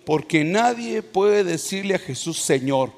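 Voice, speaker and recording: Pastor guy preaching hard, high voice, goes loud then soft, big echoey church hall. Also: lively intonation, unhurried. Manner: emphatic preaching with sudden swings in loudness. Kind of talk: sermon. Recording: long hall reverb.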